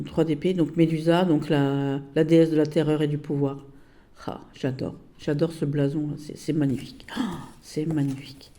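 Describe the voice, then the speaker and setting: A woman's voice: sits low, warm tone. A woman at home giving a casual card-by-card review of a tarot deck, gushing and repeating her praise while stopping often to search for words.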